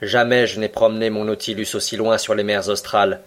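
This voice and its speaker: A cool, commanding sea captain, read by a man, who speaks slowly and with quiet irony. His lines are measured and deliberate, as in a storybook reading. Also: lowish voice, little pitch movement, pitched below the performer's own voice, close to an everyday voice. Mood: cool, ironic. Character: calm ironic male submarine captain, commanding. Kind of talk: audiobook character reading.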